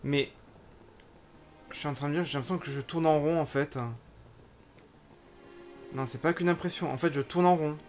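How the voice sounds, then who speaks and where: A man commenting casually on his own gameplay, thinking aloud and reading tutorial text out loud. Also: on the high side, steady tone, moderate pace, long pauses, slight background noise. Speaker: let's play gamer.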